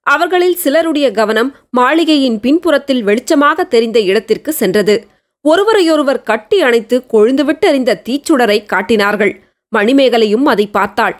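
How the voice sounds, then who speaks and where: A woman's voice: high-pitched, normal speed. Woman narrating a historical audiobook. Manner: steady storytelling.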